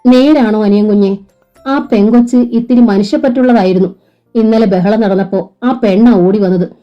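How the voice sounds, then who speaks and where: A woman's voice: medium pitch, moderate pace, dull audio, soft background music, lightly acted. A woman reading the part of a worried male friend explaining what happened. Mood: sorrowful. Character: worried male auto-driver friend recounting news.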